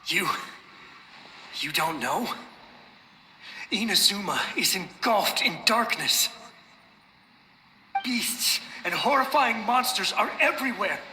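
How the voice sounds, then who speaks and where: A man's voice: high voice, animated, slow, long pauses, sharp tone, heavily acted. A man voicing a desperate, battle-weary, loyal samurai soldier in a video game, intense and urgent. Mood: desperate dread. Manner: pleading, intense, breathless urgency. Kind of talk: dramatic game voice acting. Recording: echoing long reverb, noisy ambience behind.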